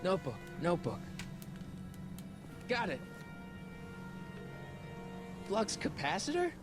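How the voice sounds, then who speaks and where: Earnest American teen boy, high and very animated, anxious game hero over loud music. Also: slow, exaggerated voice. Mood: curious. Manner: expressive, anxious, boyish. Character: earnest, anxious teenage boy, scientist's loyal friend. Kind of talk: video game voice acting.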